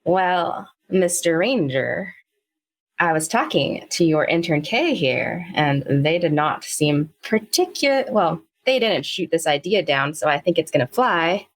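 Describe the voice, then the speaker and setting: A woman's voice: on the low side, very animated, unhurried, full character voice. Woman playing a pushy, scheming woman reporter. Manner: smooth, scheming, forward. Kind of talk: tabletop role-play.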